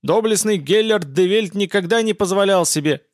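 A man's voice: high-pitched, moderate pace, no echo, studio quality, pitched above the performer's own voice, natural voice. A man reading a story voices a big, boastful warrior who grumbles pompously about his faith and his courage. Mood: indignant.

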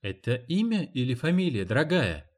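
A man's voice: mid-range voice, big pitch swings, moderate pace. A man voicing a soothing, anxious mother. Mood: placating. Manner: soothing, placating. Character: anxious, conciliatory mother of a grown daughter.

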